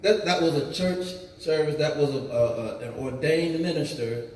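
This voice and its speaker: A man's voice: on the high side, normal speed, darkish tone, slight background noise. A man preaching a sermon at a youth revival, emphatic and scornful. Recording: echoey hall from far off.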